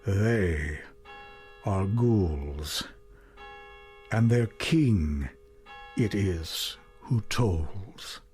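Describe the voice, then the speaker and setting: This man reads poetry in a low, darkish, expressive voice, extremely slowly and with long pauses. His delivery is intense and theatrical, drawing out repeated words, while music plays behind.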